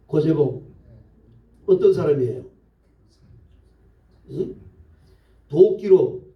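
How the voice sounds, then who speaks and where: A male pastor preaching a sermon in a church, telling stories lively and asking the congregation questions. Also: fairly high pitch, lo-fi sound. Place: church sanctuary. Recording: echoey church, voice from far off the mic.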